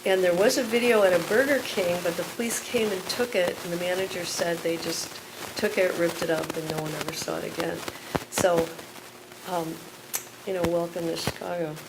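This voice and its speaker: A woman poet giving a live poetry reading with casual introductions, in a deliberate and emphatic manner. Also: on the low side, fairly even intonation. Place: live poetry night at a cafe. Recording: live event with clear background noise.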